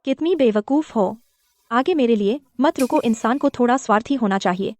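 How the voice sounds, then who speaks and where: A woman's voice: a little high, moderate pace, a little mellow, close to an everyday voice. An actress dubbing a protective, outspoken young woman who scolds firmly. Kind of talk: Hindi drama dubbing. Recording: dialogue over music.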